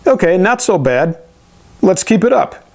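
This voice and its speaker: A man's voice: sits high, big pitch swings, measured pace, a little mellow, slight background noise. A man in his thirties or forties, a gaming video host talking casually to his viewers. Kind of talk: casual gameplay commentary and talk to viewers.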